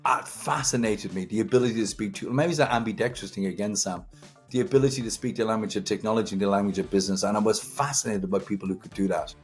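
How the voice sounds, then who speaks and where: Over soft background music, this Dublin-born tech entrepreneur in his fifties talks quickly in a lowish voice, with a Dublin Irish accent. As an interview guest he's chatty, recounting his career in a conversational way and repeating words to stress them.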